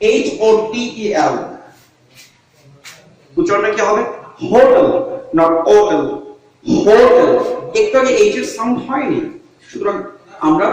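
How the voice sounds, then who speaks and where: Guy teaching an online english class, kinda high voice, super echoey room, mic far off. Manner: explains step by step, asks and answers his own questions; switches between Bengali and English words.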